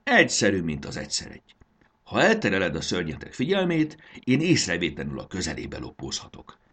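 A man voicing a clever, bold young boy in a storybook, brisk and confident. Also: deep voice, huge pitch swings, fairly bright tone, husky, full character voice.

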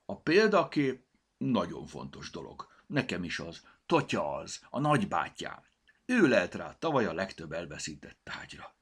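A man voicing an earnest young male elf in a children's storybook, a gentle searcher of lost things. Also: sits low, big pitch swings, husky, full character voice. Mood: friendly.

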